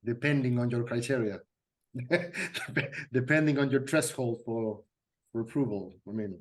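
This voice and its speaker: A man's voice: mid-range voice, a little slow. A man in a casual panel discussion, often repeating words as he talks. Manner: stammering repeats, light laughs.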